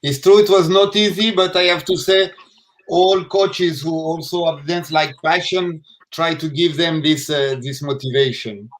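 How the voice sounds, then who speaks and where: A man's voice: fairly high pitch, fairly even intonation, measured pace, slight background noise. A man hosting a live video-call interview, asking questions hesitantly and repeating his words as he goes. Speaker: host.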